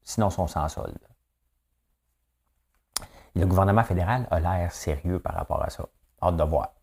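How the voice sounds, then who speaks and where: A man's voice: deep voice, moderate pace, creaky, darkish tone, breathy edge. A man with a Québécois accent giving casual morning news commentary, chatty and full of asides and tag questions.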